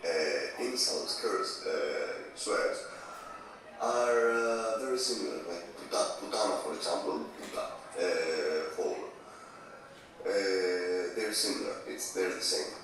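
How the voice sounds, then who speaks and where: A man telling a casual anecdote, halting with many pauses, in a bar. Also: low-pitched, a bit bright. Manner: halting, lots of filler pauses. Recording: echoey bar from far off.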